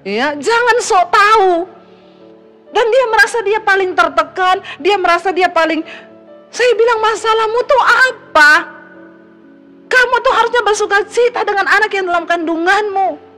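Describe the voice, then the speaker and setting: A middle-aged woman pastor preaching a sermon, emphatic, swinging between loud exhortation and hushed asides, and acting out the people she quotes in a raised voice. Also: very high-pitched, moderate pace, faint music behind.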